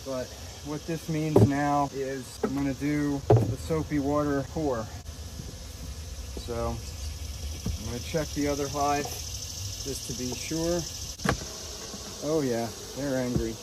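A man's voice: mid-range voice, fairly even intonation, slow, pauses often, very noisy. A man beekeeper narrating plainly as he works on hives on a backyard deck, recorded on a phone. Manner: plain, matter-of-fact, talking to camera while handling hives. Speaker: beekeeper vlogger. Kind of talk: casual narration while working. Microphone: phone camera held or nearby. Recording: phone recording outdoors with buzzing bees. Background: buzzing bees around.

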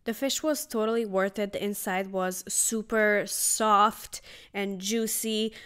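Against a noisy background, a woman speaks slowly at a medium pitch with fairly even intonation. She's a travel vlogger at an outdoor night market, casually chatting about the food while tasting it.

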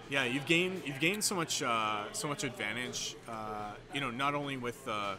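A man commentating a live card game match in a relaxed, analytical way, filling pauses with quick agreements. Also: medium pitch. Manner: relaxed and analytical, many "yeah" and "yep". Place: game store with crowd behind. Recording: crowd chatter in background.

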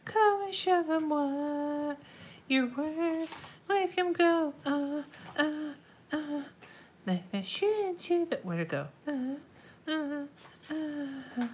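Her voice sits high, expressive and slow, with slight background noise behind it, and a stuffy nose gives it a nasal quality. She's decorating a planner at a desk indoors during a livestream, chatting casually, muttering to herself, answering her viewers and swearing every so often.

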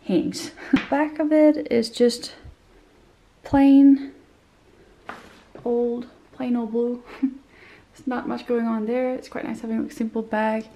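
Her voice a little high, warm, and steady, a young woman moves at a slow pace through a casual, descriptive handbag review packed with fillers. She's slightly nasal from a cold she's getting over, and she's recording in a small room.

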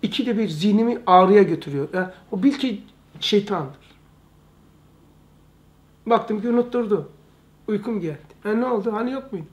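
High-voiced man teaching a religious lesson. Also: animated, normal speed, pauses often. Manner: emphatic and repetitive, addresses listeners as brother.

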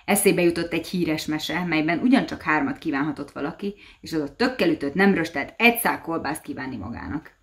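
A woman, an actress, reading a folk tale aloud with expressive, lively storytelling. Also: low voice, few pauses.

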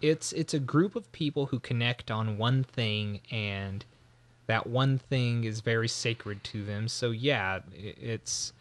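Animated, rambling male podcast host. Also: medium pitch, slow. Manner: animated, rambling, frequent restarts. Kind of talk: casual podcast chat.

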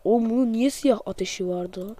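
A man giving excited let's-play commentary, joking and talking to himself as he plays. His voice sounds off because he is sick. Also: high-pitched, brisk. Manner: playful, excitable, jokey, talks to himself while playing; self-mocking. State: voice off from being sick. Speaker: gamer, channel host.

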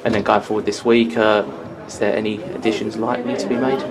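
Man, club interviewer, low-pitched, flat and hesitant, crowd in the background. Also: quick pace. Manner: flat, hesitant questioning with fillers. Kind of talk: post-match interview questions.

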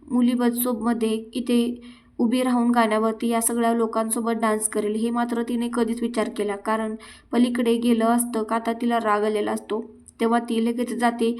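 A woman narrating a TV serial recap in a steady retelling manner with frequent filler words. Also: a little high.

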